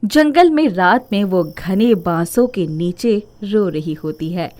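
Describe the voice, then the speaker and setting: A woman narrating an animated moral story in a scripted, expressive storytelling manner. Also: mid-range voice, takes it slowly.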